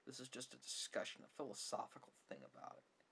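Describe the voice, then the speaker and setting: This video host offers ASMR-style film commentary in a medium-pitched, creaky voice that's animated, fairly quick, pushed and bright. Faint background noise sits under his opinion monologue as he gripes emphatically and sarcastically, now and then dropping toward a whisper.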